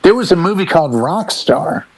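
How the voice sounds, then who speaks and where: A middle-aged man serving as a talk show panelist chats casually and emphatically about music, sharing stories and strong opinions. His voice is slightly high with lively intonation at a normal pace, and the rough recording carries a little hiss or hum.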